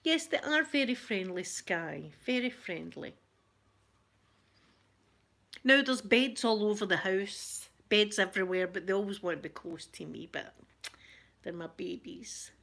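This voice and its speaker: This ASMR channel host from Scotland has a gravelly, mid-range voice with lively intonation, speaking unhurriedly and pausing often. Reading live chat in her Glaswegian accent, she greets viewers by name with warmth, laughs a lot, and keeps interrupting herself.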